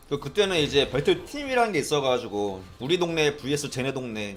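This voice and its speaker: A young Korean man tells old stories in a casual chat. His voice is a bit high and swings up and down a lot, and faint music plays under it. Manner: animated, mimics people in quoted lines, laughs often. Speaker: streamer recalling arcade days.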